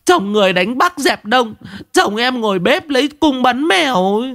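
A man voicing a shrill, sharp-tongued village wife who wails and complains. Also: sing-song, normal speed, exaggerated voice. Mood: wailing.

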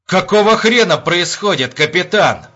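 A man's voice: medium pitch, normal speed, sharp tone, husky, dull audio. A man voicing a furious, foul-mouthed army major who barks orders in an audiobook. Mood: angry. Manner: barking, commanding.

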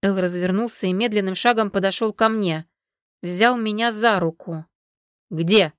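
A woman narrating a first-person fantasy audiobook with an even storytelling delivery. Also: mid-range voice, moderate pace, clear, resonant tone, no room sound, studio quality.

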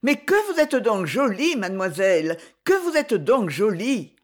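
A woman's voice: mid-range voice, very animated, a little slow. A woman reader voicing a proud, chatty older peasant woman who once nursed the heroine, speaking with fond exclamations.

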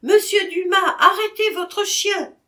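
Shouting housemaid, high and shrill, a woman reader voicing her for an audiobook. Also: slow pace, exaggerated voice. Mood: shrieking. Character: angry maid chasing a thieving dog.

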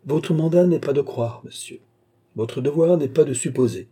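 A man's voice: fairly high pitch, moderate pace, dark tone, slightly rough, voice pushed up. A man voicing a proud, imperious marshal of eighty-eight who scolds his servant in haughty, curt orders, read as an audiobook character.

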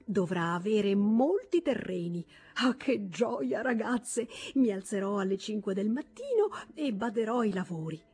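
A woman voicing an excitable, dreamy schoolgirl who gushes and exclaims in an audiobook reading. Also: mid-range voice, moderate pace, hardly any pauses, breathy edge, faint music behind. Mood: gushing. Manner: exclamatory, rising and gushing. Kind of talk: audiobook character voice.

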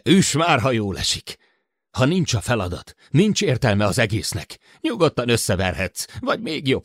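A weary, grimly resigned leader, as a male reader voices the part in an audiobook. The voice stays close to the reader's own but is slightly lifted, with lively rises. The sound is dry. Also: medium pitch, dry recording, voice pushed up.

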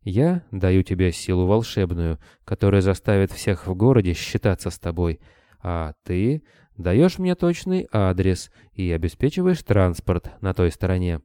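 A man's voice: low voice, normal speed, smooth, no room sound. A man voicing a grim, deathless monster hunter who speaks dryly and tersely. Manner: dry, calm, terse.

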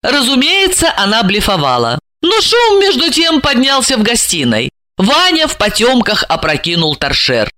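A woman narrating a comic story in a playful, animated way. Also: on the high side, moderate pace. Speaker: audiobook narrator.

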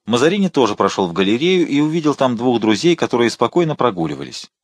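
A man narrating a historical novel in an audiobook with steady, expressive storytelling. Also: mid-range voice, quick pace, gravelly, no room sound. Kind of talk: scripted narration.

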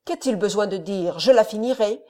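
A woman voicing a furious, rash young man who declaims loudly and heatedly, in a mellow reading voice. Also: mid-range voice, normal speed, lightly acted.

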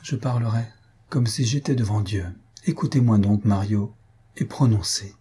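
A man's voice: mid-range voice, lively intonation, moderate pace, warm tone, slightly rough, voice pushed up. A man reading an audiobook, voicing an anguished young noblewoman with a solemn, pleading manner.

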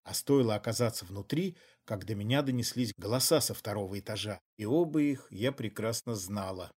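A man reading an audiobook in even, measured scripted narration. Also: lowish voice, breathy edge.

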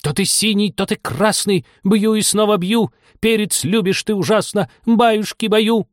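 A rude, bossy duchess who snaps out her orders and bawls her lines, as a male audiobook reader puts her on. The voice is pushed well up in pitch and comes out loud and sharp. It is recorded close and dry, with no room sound. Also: big pitch swings, normal speed, dry recording. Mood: bawling lullaby. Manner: snapping, shouting harshly. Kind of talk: audiobook reading.

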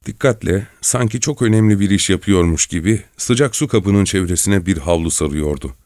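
A man with a low voice narrates a literary story in a calm, measured way. The recording is completely dry and close, with no room sound. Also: no echo. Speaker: audiobook narrator.

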